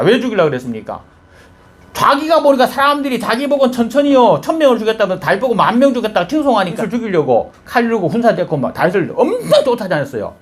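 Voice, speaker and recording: Preaching a sermon, a pastor with a Gyeongsang Korean accent recounts a Bible story and peppers the congregation with rhetorical questions. His voice sits high and has a breathy edge.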